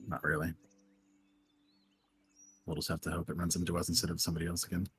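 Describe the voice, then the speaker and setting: A man's voice: sits low, completely flat delivery, fast talker, a little hiss or hum. A man playing a tabletop role-playing game, talking casually with the group as a player.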